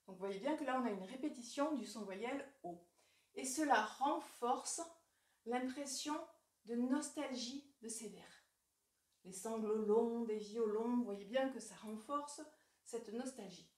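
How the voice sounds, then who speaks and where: A woman teaching a French literature lesson, explaining clearly and talking straight to the viewer with examples. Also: on the high side, a little slow. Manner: clear didactic, addresses the viewer directly with examples. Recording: roomy echo.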